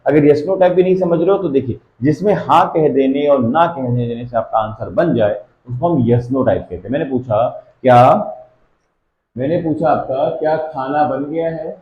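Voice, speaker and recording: A man teaching a grammar lesson to students, repeating and drilling example sentences step by step. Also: on the high side. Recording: echoey dull-sounding room.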